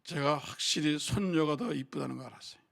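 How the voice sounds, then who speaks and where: Older male pastor, high gravelly voice, bright and forceful, animated sermon delivery with sudden shouted peaks. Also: a little fast. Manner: animated preaching, swings from quiet asides to shouting. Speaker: senior pastor.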